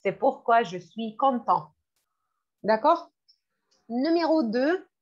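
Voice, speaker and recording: A woman teaching French vocabulary in a classroom lesson, repeating each word slowly and glossing it in English. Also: on the high side, expressive. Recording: dull lo-fi recording.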